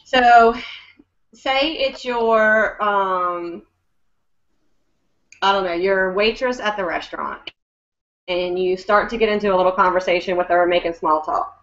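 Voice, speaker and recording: A woman coaching her sales team in an upbeat, chatty way, her talk full of fillers. Her voice sits at a medium pitch. The recording sounds dull and lo-fi. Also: unhurried, long pauses, fairly bright tone. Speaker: network marketing team leader.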